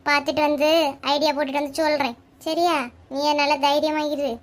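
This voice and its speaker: A woman's voice: high voice, flat delivery, a little fast, pitched below the performer's own voice, close to an everyday voice. A woman voicing a young man with a Kanyakumari Tamil accent who reassures his cousin in a cartoon comedy. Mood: reassuring. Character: irritated young man comforting his aunt's daughter.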